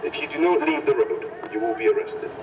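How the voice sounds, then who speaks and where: Male police announcer, formal and stern, blared through a van loudspeaker; distant, with a long ringing echo. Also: on the high side, fairly quick, muffled recording. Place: outdoors on a city street. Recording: echoey loudspeaker from far off in a noisy street.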